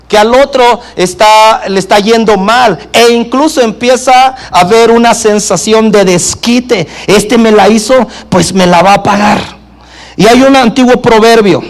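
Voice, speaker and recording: A male pastor preaching a sermon, prompting the congregation to answer back. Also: sits high. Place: church service in a home gathering.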